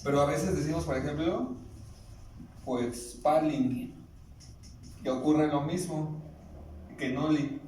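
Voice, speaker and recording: A man with a Mexican Spanish accent leads a classroom lesson, patiently explaining and asking his students questions. His voice sits a little high. He is picked up from across a strongly echoing room with faint background noise. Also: takes it slowly, pauses often, darkish tone. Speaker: Nahuatl teacher. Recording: echoey room, distant mic, faint noise.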